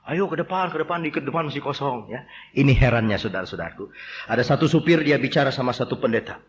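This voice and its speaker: A man preaching a sermon, telling stories with humor and shouting quoted lines. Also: medium pitch, lively intonation, quick pace, slight background noise. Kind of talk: sermon with storytelling.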